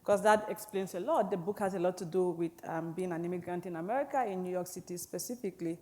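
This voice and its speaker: A woman in her early forties from Cameroon, an author speaking thoughtfully on stage, often pausing with "you know". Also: fairly low pitch, darkish tone. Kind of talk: onstage conversation. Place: public library event hall.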